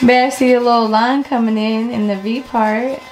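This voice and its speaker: A woman's voice: fairly high pitch, noisy background. A young adult woman hosting a casual vlog, talking in a playful, teasing way to her audience and her partner. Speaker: vlog host.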